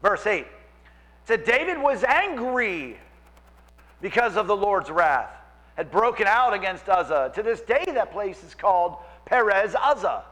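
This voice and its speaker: A man preaching a sermon as pastor, animated and acting out quoted voices. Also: high voice, measured pace, low-quality recording.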